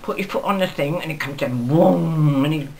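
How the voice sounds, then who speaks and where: A woman aged ninety-eight shares rambling, chatty memories of wartime in an interview, voicing bits of dialogue herself. Her voice sits low, gravelly and darkish at a moderate pace, with busy background chatter heard slightly.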